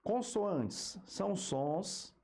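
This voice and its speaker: Mellow-voiced male grammar teacher. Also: high-pitched, animated, creaky. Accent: Brazilian Portuguese. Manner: explains slowly, checks in with tag questions. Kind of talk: exam-prep grammar lesson.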